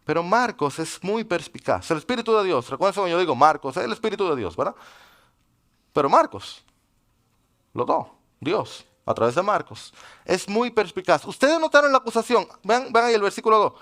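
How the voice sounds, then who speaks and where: A man's voice: sits high, lively intonation, brisk, a bit bright. A male pastor preaching a sermon, teaching with frequent questions to the congregation in a church.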